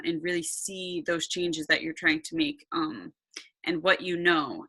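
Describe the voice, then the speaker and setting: Female session host, lowish but bright voice, informal and hesitant, casual chat with followers. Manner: informal, hesitant, thinking aloud.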